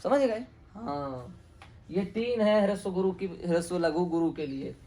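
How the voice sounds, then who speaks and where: A man's voice: sits high, animated, unhurried, mellow. A man teaching a Sanskrit grammar lesson, asking questions and answering them himself, repeating each term.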